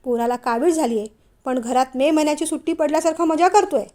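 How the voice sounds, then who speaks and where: A woman's voice: sits high, fast talker, lightly acted. A woman voicing a middle-aged father who is caring at heart but scolds his grown sons in a storybook reading. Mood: gentle. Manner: calm, then scolding.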